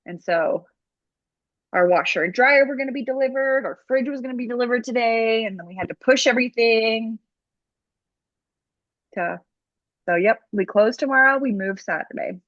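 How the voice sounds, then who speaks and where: A woman's voice: a little high, moderate pace, pauses often, fairly bright tone, dry recording, dull audio. A young woman co-hosting a podcast, chatting casually and rambling, tripping over words now and then. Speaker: podcast co-host. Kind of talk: casual chat.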